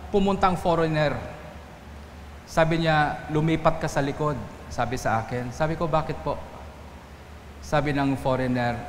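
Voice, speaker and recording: A Filipino priest gives his Sunday homily in church, telling stories and quoting people in shifting voices. His voice sits on the high side, and the echoey hall carries faint ambience and slight background noise.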